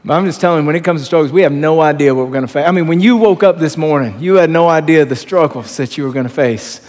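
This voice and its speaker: A man preaching a sermon as pastor, telling stories in a conversational, animated way to his congregation. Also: on the high side, fast. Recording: long hall reverb.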